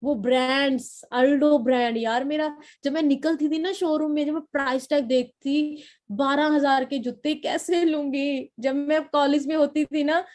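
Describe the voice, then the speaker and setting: A young woman from Punjab giving a lively, repetitive training talk to a sales team as its trainer. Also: sits high, normal speed. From Punjab, India. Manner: coaching, repetitive, lively storytelling. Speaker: network marketing trainer.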